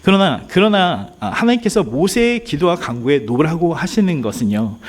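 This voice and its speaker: A man's voice: a little high, big pitch swings, moderate pace. A man preaching a sermon as pastor, earnest and speaking straight to the congregation, at times acting out pleading prayers. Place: church sanctuary.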